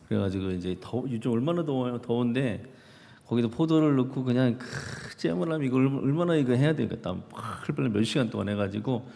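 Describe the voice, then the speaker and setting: A man's voice: medium pitch, gravelly, a little mellow. A male pastor preaching a sermon, telling a story conversationally and asking the congregation rhetorical questions. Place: church sanctuary. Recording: reverberant church hall.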